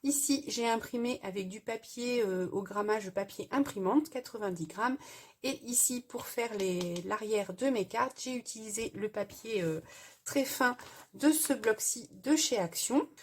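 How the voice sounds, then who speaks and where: A woman with a slightly high voice hosts a casual crafting tutorial. She explains things step by step, hesitantly, with frequent pauses and fillers.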